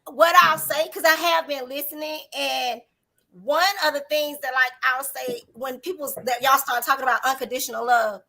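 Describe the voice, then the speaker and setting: A woman's voice: high voice, steady tone, normal speed, pushed and bright, rough recording. A woman guest on a talk show, speaking earnestly and preachily about faith and love in casual chat.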